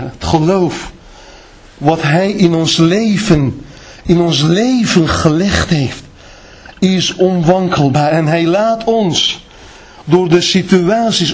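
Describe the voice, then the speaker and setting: Middle-aged male preacher, high and slow, impassioned and tearful at times. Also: slightly rough. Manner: impassioned, often shouting and emotional. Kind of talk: sermon.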